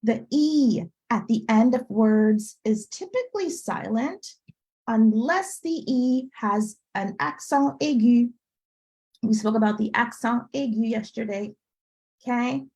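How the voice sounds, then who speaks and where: A woman with a slightly high voice leads an online class, upbeat and teacherly. She keeps checking in with her listeners as she goes. Her voice comes through a video call. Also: takes it slowly, darkish tone, rough recording. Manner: upbeat teacherly, frequent "okay?" check-ins. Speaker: French tutor. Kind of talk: live online class for parents.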